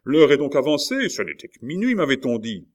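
A man voicing a zealous, fanatical male killer who talks loud and urgent. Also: low-pitched, animated, normal speed. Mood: fervent urgent.

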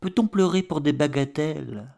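A man's voice: a little high, expressive, normal speed, gravelly, warm tone. A man voicing a brash, boastful young teenage boy who scorns everyone around him in an audiobook reading. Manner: scornful, blustering. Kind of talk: audiobook character voice.

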